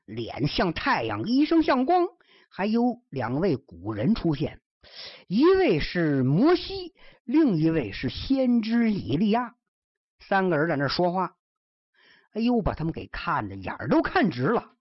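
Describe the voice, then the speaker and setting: A woman's voice: fairly low pitch, a little slow, breathy edge, no room sound, highs cut off. A woman telling a story in traditional storyteller style, with chatty asides to the listener. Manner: lively, chatty asides to the listener with rhymed verse closings.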